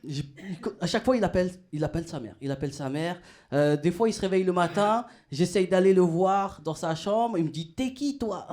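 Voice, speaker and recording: Speaking a little fast in a high voice, a comic works a club crowd with loose, slangy banter. He's animated and laughs his way through the punchlines.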